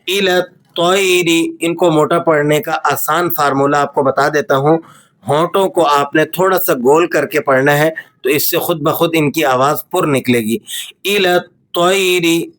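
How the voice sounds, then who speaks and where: A man teaching Quran recitation, with a Pakistani Urdu accent, explaining the rules quickly and then reciting verses slowly and melodically. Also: fairly high pitch, fairly even intonation, a bit bright. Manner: switches between quick explanation and slow, drawn-out melodic recitation. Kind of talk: tajweed lesson, explaining and reciting.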